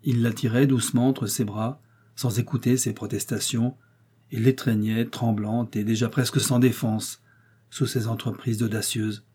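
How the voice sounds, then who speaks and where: A man narrating a novel aloud in a measured storytelling manner. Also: medium pitch, flat delivery, mellow, husky.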